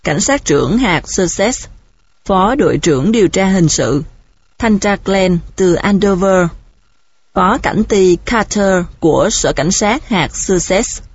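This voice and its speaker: A woman narrating an audiobook in a steady, measured storytelling manner. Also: mid-range voice, slightly rough, no room sound. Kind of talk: audiobook reading. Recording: dull, dry recording.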